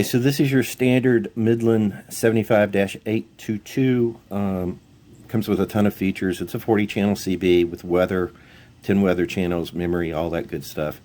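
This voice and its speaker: In this clip, a YouTube channel host with a low, somewhat dark voice talks through radio gear. His casual product overview comes across folksy, informal, and plain-spoken.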